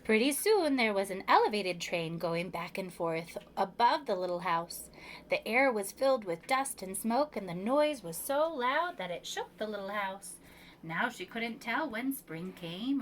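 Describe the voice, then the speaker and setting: A woman reads a children's picture book aloud as a preschool storyteller, expressive and measured with emphatic pauses. Her voice is medium-pitched, and the poor audio has a little hiss or hum.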